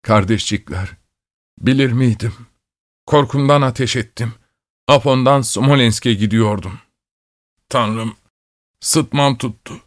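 A man voicing a frightened, feverish wounded carpenter who begs in a hoarse, trembling voice. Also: lowish voice, slow. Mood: pleading, frightened.

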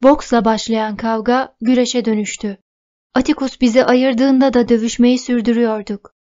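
A woman's voice: on the high side, moderate pace, highs cut off. Woman narrating an audiobook. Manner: steady storytelling. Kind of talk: first-person novel reading.

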